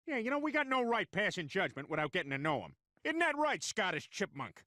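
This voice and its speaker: An actor playing a dim, blustery middle-aged dad in an animated sitcom, goofy, rambling and blunt. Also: male voice, high voice, fairly quick, no echo, studio quality, heavily acted. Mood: casual, clueless.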